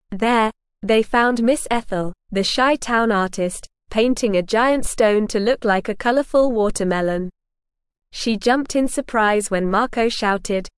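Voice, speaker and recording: A woman reading a children's storybook aloud in an even, clear storytelling manner. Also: medium pitch, dry recording, clean studio sound.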